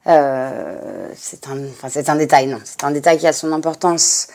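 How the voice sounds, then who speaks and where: A woman's voice: low voice, moderate pace, darkish tone. A young woman hosting her own podcast, talking casually and rambling with many fillers and restarts. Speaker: podcast host. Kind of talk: casual personal podcast monologue.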